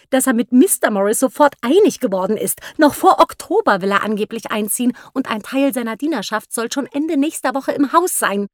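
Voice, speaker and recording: A woman voicing an excitable, gossipy middle-aged mother who speaks in a shrill, eager, exclamatory way. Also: dry recording, clean studio sound, close to an everyday voice.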